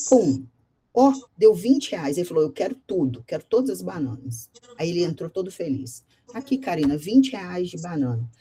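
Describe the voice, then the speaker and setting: A Brazilian woman teaches a class, telling a story and tossing questions at her students with a lively, direct manner. Her voice sits a little low, with a dark, mellow tone and a slightly husky edge. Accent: Brazilian Portuguese.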